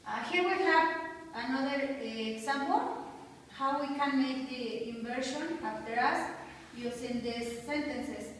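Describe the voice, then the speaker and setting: High-voiced woman in a reverberant room. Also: unhurried, fairly bright tone, far from the mic, slight background noise. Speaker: student presenter. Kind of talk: explaining grammar to a class. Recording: echoey room recorded from afar.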